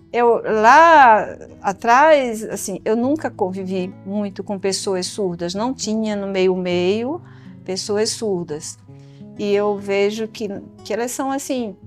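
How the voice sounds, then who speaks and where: A woman with a Brazilian accent, a project professor, speaks encouragingly to students, often ending phrases with tag questions. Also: mid-range voice. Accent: Brazilian Portuguese. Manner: warm, encouraging, frequent "né?" tags. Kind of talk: documentary interview and address to students. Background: faint guitar music.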